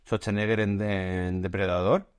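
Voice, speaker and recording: A man's voice: deep voice, flat delivery, a little slow, clean tone, dry recording. Man with a dry, close voice. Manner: repeats words while thinking, dry reactions. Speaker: podcast co-host. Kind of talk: casual chat.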